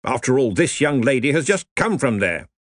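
Man voicing a bossy old wizard chancellor, pompous, hearty, lively delivery, dry close sound. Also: medium pitch, normal speed, dry recording, pitched above the performer's own voice. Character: bluff, commanding old male wizard head of a university.

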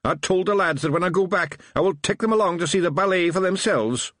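A man's voice: high-pitched, a little fast, fairly bright tone, dry recording, clean studio sound, voice pushed up. Wee Mad Arthur, a man doing a chirpy Scottish Feegle. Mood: chirpy boastful. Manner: chirpy, boastful, broad dialect. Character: tiny cheerful male Feegle policeman fond of culture.

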